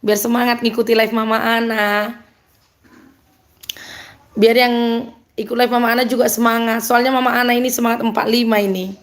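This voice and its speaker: A woman's voice: on the high side, flat delivery, moderate pace, pauses often. A woman from Medan with a Medan accent, hosting a live stream in an upbeat, chatty way, reading out and answering viewer comments and laughing often. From Medan, North Sumatra.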